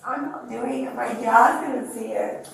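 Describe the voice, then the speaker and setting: A woman's voice: on the high side, normal speed, gravelly. An argumentative, indignant woman who swears and makes demands while detained by police, caught on body cam audio. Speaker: person being detained by police. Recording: echoey, distant body cam with faint noise.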